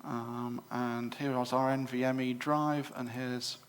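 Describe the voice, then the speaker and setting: A middle-aged English man giving a live demonstration to a club audience, chatty and full of fillers and quick self-corrections. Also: medium pitch, level tone. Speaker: presenter at a computer club show. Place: exhibition room at a club show.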